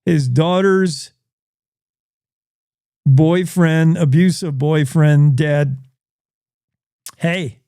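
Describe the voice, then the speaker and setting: A man's voice: on the high side, extremely slow, long pauses, warm tone, clear, resonant tone, no echo, studio quality. A man hosting a news show, giving folksy, opinionated commentary and repeating his points.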